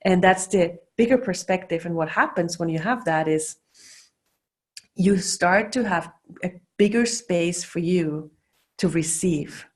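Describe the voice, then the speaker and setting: Speaking a little slowly with a fairly low-pitched voice, this middle-aged facilitator from Austria teaches casually over video. She talks loosely, with plenty of fillers and false starts.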